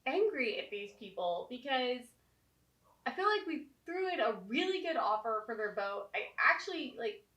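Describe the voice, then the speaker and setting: A woman vlogging casually at home, talking in halting, restarting phrases with a slight lisp from new teeth aligners. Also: high voice, very animated, a bit bright. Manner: halting, frustrated, many restarts. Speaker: vlogger, co-host of a sailing channel. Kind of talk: casual chat to camera. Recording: echoey room, distant mic, faint music.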